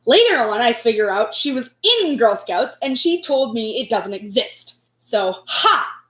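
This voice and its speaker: Casting: young female vlogger, American accent, fairly high voice, rambling self-mocking storyteller, echoey room sound. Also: sing-song, a little slow, a bit bright. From United States. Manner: rambling, self-deprecating, giggly. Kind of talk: casual personal storytelling.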